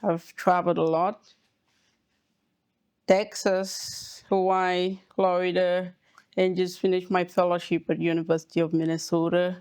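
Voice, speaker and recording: A woman from Cameroon speaks in a slow, careful podcast interview. Her voice sits a little low, and she explains with deliberate pauses between phrases. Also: flat delivery, darkish tone, smooth, no room sound. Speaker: hematologist oncologist guest.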